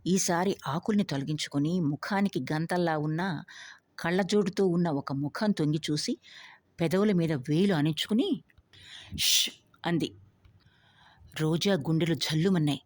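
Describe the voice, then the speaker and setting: A woman storyteller narrating a novel aloud in a steady, even manner with a husky voice. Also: low-pitched, moderate pace, no echo.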